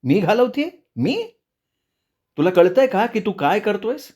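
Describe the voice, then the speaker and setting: A feverish older mother, voiced high and shrill by a male storyteller, firing one indignant question after another at her son. Her pitch leaps far above a normal speaking voice. The scolding stays sharp and relentless. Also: big pitch swings, unhurried, full character voice. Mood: outraged.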